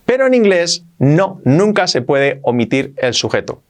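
Man, Spain Spanish accent, English teacher, video lesson, very animated pitch, drills each phrase slowly. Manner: lively teacher, slows down for English examples, repeats sounds. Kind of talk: video lesson, explaining and modeling pronunciation.

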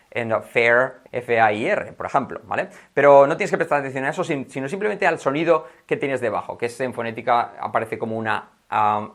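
A man's voice: mid-range voice, vocal fry, a bit bright. Upbeat Spanish-accented man teaching English. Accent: Spain Spanish. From Spain. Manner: switches between Spanish and English, repeats words as drills. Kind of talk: casual language lesson.

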